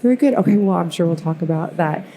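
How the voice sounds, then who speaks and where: A woman's voice: fairly low pitch, lively intonation, fast, mellow, a little hiss or hum. A woman hosting a conference podcast, upbeat and encouraging as she interviews guests. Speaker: podcast host.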